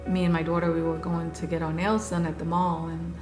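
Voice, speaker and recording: A woman in her forties from Haiti, earnestly recounting her life in an unhurried interview. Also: fairly low pitch, completely flat delivery. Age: 40s. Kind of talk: personal recollection. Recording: echoey room with music underneath. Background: music.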